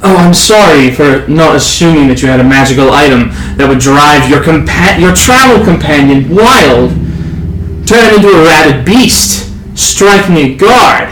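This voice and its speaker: A haughty male city guard mage, put on by a man running a tabletop game, speaks with clipped contempt. The voice sits at a middling pitch. It rings in an echoey room with faint background noise. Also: animated, normal speed, fairly bright tone, lightly acted. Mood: indignant.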